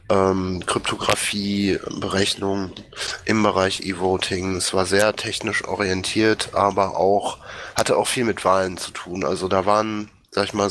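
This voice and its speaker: A man's voice: on the low side, a bit bright. A man giving a casual spoken report in an online meeting, hesitant, with many filler sounds and restarts. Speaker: party board member giving an activity report. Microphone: headset or desk mic on a voice chat call. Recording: voice chat audio with faint background noise.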